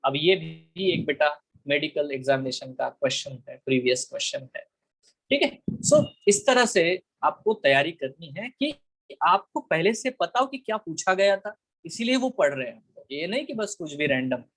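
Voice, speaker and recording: An Indian man with a slightly raised pitch leads an online biology class. He moves between Hindi and English in a coaxing teacher's manner, calls students "beta" and keeps checking whether they are clear. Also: animated, moderate pace, fairly bright tone, poor audio. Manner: asks the class frequent check questions.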